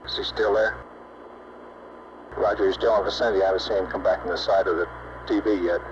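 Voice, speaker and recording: Low, even-toned man on noisy radio loop. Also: fast. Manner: businesslike, clipped questions. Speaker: mission flight director. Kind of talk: astronaut radio loop coordination. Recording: noisy, dull 1960s mission radio loop.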